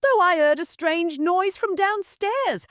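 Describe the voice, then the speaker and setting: A woman's voice: very high-pitched, lively intonation, slow pace, no room sound, studio quality, voice pushed up, full character voice. A woman voicing a blunt, suspicious working-class housemaid who grumbles in broad dialect.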